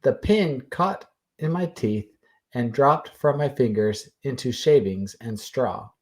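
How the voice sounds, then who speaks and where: A man voicing a 19th-century man who gives a sworn account, read slowly and in a measured way. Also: mid-range voice, lively intonation. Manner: slow, measured reading.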